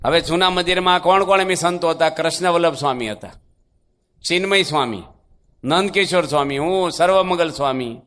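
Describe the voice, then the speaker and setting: A man's voice: fairly high pitch, a bit bright. A man, a monk preacher, giving a devotional sermon in a folksy, conversational storytelling manner with rhetorical questions.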